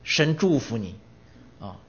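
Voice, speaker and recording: Animated man preaching, lo-fi sound. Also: mid-range voice, slow pace, breathy edge. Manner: animated storytelling, rhetorical questions, voice swells when emphatic. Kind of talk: sermon. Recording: dull lo-fi sound.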